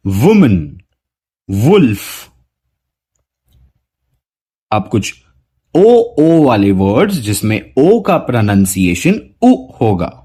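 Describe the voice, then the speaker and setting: A man teaching English pronunciation to Hindi speakers, saying sample words one by one with deliberate, drawn-out care. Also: husky. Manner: drawn-out word examples with a lively rising pitch. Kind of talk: slow, deliberate pronunciation lesson.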